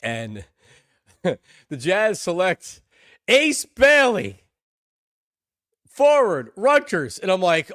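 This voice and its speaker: A man hosting a sports talk show, excitable and rambling, often repeating his words. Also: mid-range voice, dry recording, clean studio sound.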